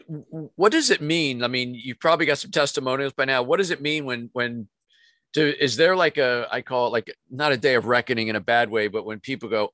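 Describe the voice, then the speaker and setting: Halting male interviewer, dry sound. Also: mid-range voice, fairly bright tone, dry recording. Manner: halting, rambling questions with self-corrections. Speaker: radio show host, interviewer. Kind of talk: conversational interviewing.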